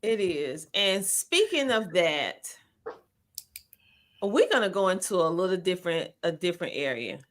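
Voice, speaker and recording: Bright-voiced woman interview host. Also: lowish voice, sing-song, measured pace. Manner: earnest, direct questioning. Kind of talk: hosting an interview.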